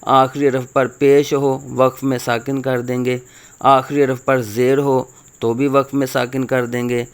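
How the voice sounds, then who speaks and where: Male teacher, clear resonant voice, mid pitch; patient and formal, repeats each rule for learners. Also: level tone. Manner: addresses the listeners formally. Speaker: Quran reading teacher. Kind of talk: recorded lesson.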